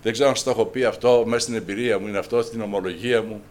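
Older male preacher, hushed to shouting. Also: lowish voice, steady tone. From Greece. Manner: swings from hushed prayer to loud cries. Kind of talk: emotional sermon.

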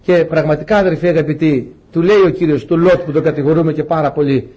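Male preacher, husky, higher pitched, emphatic sermon delivery. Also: fairly even intonation, warm tone, highs cut off. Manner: emphatic and rhetorical, acting out Bible stories.

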